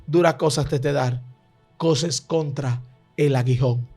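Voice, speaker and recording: A man preaching a fervent sermon, swelling loud and then dropping to a hushed, prayerful tone, slipping into tongues between phrases. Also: mid-range voice, steady tone, unhurried, soft background music.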